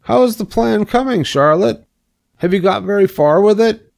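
A man's voice: high-pitched, expressive, moderate pace, vocal fry, a little mellow, pitched above the performer's own voice. A man doing a nervous, eager young pig. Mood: anxious pleading. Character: earnest anxious young male pig. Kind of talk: storybook reading.

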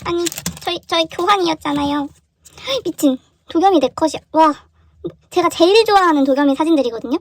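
Young woman vlogger, high voice, excitable, unboxing chatter recorded on a camera mic at a desk indoors. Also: a little fast, no echo. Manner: excitable, gasping and exclaiming in surprise. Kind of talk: casual unboxing chat.

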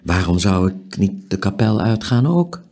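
A man voicing a young squire in an audiobook, in a whispered role-play, hushed, worried and a little cross. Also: sits low, very animated, measured pace, exaggerated voice. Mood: wondering. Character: young squire on the eve of knighthood, torn.

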